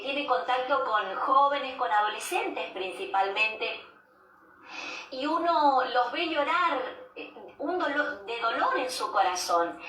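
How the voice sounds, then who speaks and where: A woman giving a devotional sermon as a preacher, measured and repeating key phrases for emphasis. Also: high voice, bright, forceful tone. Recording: roomy echo, distant mic, faint background noise.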